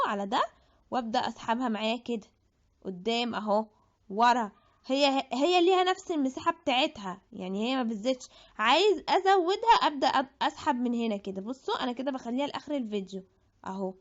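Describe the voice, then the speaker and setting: Egyptian woman walking thru an app tutorial, quick and high, kinda dull lo-fi sound. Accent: Egyptian Arabic. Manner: chatty, thinks aloud with restarts. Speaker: tutorial presenter. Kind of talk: screen-recorded app tutorial. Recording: dull lo-fi audio.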